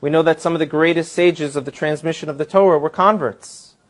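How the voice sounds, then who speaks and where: A man's voice: fairly high pitch, steady tone, fairly quick. A man answering as a guest, earnestly explaining and building his points step by step. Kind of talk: explanatory talk.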